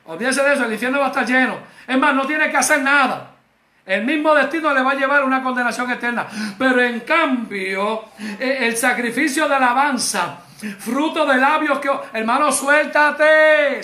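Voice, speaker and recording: A man preaching a sermon in a church, exhorting his listeners, calling them "beloved brother" again and again and breaking into shouts. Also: very high voice, echoey room. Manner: fervent, exhorting, repeats "amado hermano", bursts into shouts.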